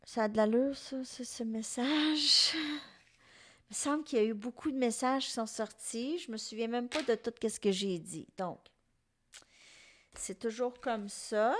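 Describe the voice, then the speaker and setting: A middle-aged woman with a Québécois French accent, giving a tarot reading to her viewers in an unhurried, musing way and speaking straight to them. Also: on the high side, fairly bright tone. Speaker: tarot reader.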